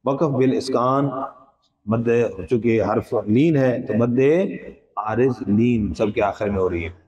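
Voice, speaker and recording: Slow, patient male recitation teacher. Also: mid-range voice, a little mellow, breathy edge, rough recording. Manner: patient, explains letter by letter and asks the class questions; chants verses in a drawn-out melodic tone. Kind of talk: recitation pronunciation lesson.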